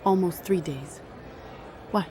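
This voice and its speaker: An actress playing a cautious, concerned young student who is a loyal friend, in an audio drama. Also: female voice, lowish voice, slow, mellow, a little hiss or hum. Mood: worried.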